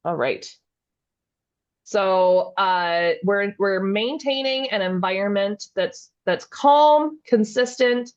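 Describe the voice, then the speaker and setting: A woman in a relaxed teaching chat who asks questions and slowly sounds out Spanish words. She laughs easily and talks at a middle pitch for a woman. The recording sounds a little dull. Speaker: co-host learning Spanish.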